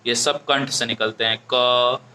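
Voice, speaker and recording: Male tutor, bright forceful voice, faint hiss behind, patient step-by-step exam coaching. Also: medium pitch, normal speed. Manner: explains step by step, keeps asking "ठीक है?". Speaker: teacher. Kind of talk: exam-prep grammar lesson.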